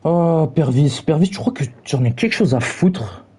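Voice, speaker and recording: A man's voice: a little high, lively intonation, moderate pace, a little mellow, slightly rough. A young man streaming, reviewing match stats while mockingly taunting his chat in brash slang.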